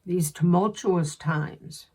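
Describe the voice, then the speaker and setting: A woman channeling a spirit in slow, measured speech, with a husky voice. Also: fairly low pitch, mellow, recorded from a distance. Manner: slow, measured, unhurried delivery.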